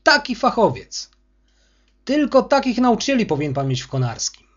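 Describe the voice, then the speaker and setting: A man's voice: very high voice, big pitch swings, normal speed, lo-fi sound, pitched above the performer's own voice, heavily acted. A man voicing a bullying, arrogant male school superintendent who scolds harshly. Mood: angry.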